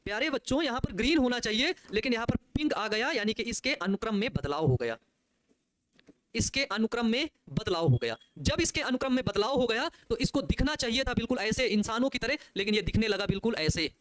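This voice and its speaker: A man's voice: very high voice, expressive, fairly bright tone, a little hiss or hum. A man giving an online biology class in a chatty lecture style. He fills his talk with constant "okay" and "isn't it" checks and calls the students dear children. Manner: rapid, repetitive, keeps saying "okay" and "isn't it", addresses students fondly.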